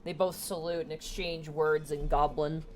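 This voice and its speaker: A woman's voice: deep voice, flat delivery, normal speed, a little mellow, poor audio. A woman game master improvising narration for an online tabletop game, recorded with faint noise. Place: online voice call for a virtual tabletop. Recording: faint noise on home microphone.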